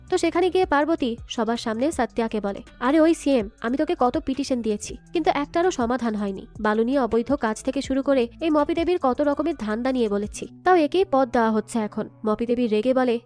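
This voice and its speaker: Female narrator for a film recap, brisk delivery, lines read straight over background music. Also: sits high, a little mellow. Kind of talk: scripted movie recap narration.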